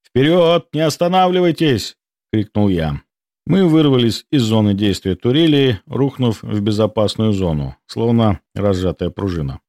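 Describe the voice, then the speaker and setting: A man reading first-person audiobook narration in an expressive storytelling manner, recorded on a close studio mic. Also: fairly low pitch, moderate pace, no room sound.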